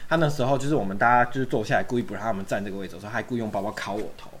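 A man telling stories in a casual podcast chat. He talks in an animated way and acts out the voices of the people in his stories. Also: racing, slight background noise. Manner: animated, acts out quoted voices with jumps in pitch. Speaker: podcast guest.

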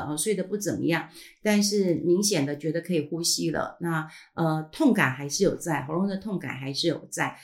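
A middle-aged woman with a Taiwanese Mandarin accent hosts her own podcast in an easygoing, slightly low voice, her throat not yet fully recovered. She warmly rambles through a personal story in a chatty way, full of filler sounds and trailing soft "ha" tags.

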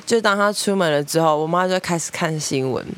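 A young woman with a Taiwanese Mandarin accent, hosting a podcast and telling family stories in a lively way, acting out relatives' voices. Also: lowish voice, brisk, clean tone. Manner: lively storyteller, mimics family members, laughs often. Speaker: podcast host. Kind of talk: storytelling monologue.

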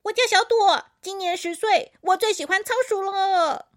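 A woman's voice: very high voice, moderate pace, pitched above the performer's own voice. A woman voicing a cheerful ten-year-old hamster girl, in a children's story. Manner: bright, eager.

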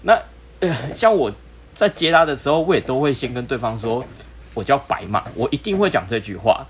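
A man's voice: mid-range voice, big pitch swings, brisk, slight background noise. Playful guy cohosting a chatty podcast, voice bouncing up and down a lot. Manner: playful, jokey. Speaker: podcast co-host. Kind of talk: casual chat.

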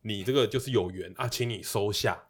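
A man putting on the voice of a smooth-talking male fortune teller, speaking softly and slowly in a coaxing way. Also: fairly low pitch, voice pushed down.

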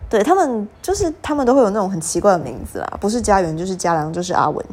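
A young woman, hosting a podcast and telling stories in a casual, animated way. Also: medium pitch, fast talker, slight background noise. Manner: animated, acts out quoted exchanges. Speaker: podcast host. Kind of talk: casual storytelling monologue.

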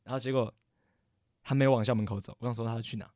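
A man's voice: mid-range voice, steady tone, racing, darkish tone, dry recording. A young man, a podcast co-host telling a story in casual chat, rambling and often correcting himself. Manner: rambling, stammering, frequent self-corrections.

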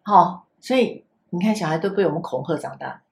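An older woman with a Taiwanese Mandarin accent, a grandmother and former kindergarten teacher, chatting on a podcast and gently acting out how she talks to children. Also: lowish voice, expressive, fairly quick, creaky, a little hiss or hum. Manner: gentle, repeats herself, acts out soft talk to children. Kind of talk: casual podcast chat.

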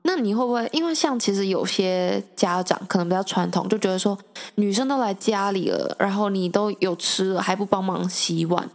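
A woman's voice: mid-range voice, brisk. A woman, co-hosting a podcast, leading the chat with questions and dry quips. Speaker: podcast co-host asking questions. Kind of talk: casual chat.

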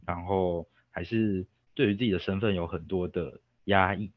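This young man speaks as a podcast guest with a Taiwanese Mandarin accent, casually recounting a personal story while rambling and restarting with fillers. His voice is deep with fairly even intonation at normal speed, and the phone-quality audio carries no room sound.

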